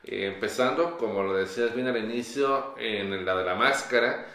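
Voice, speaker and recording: A young man co-hosting a gossip show, explaining in a measured way with "eh" fillers in a small studio. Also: mid-range voice, fairly bright tone. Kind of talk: casual gossip chat. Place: small studio on a pink sofa. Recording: roomy echo.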